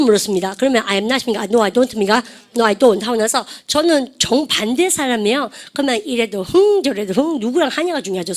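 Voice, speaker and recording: A chatty woman English teacher with a slightly high voice runs a vocabulary class. She keeps prompting the class to repeat English phrases and often breaks into laughs.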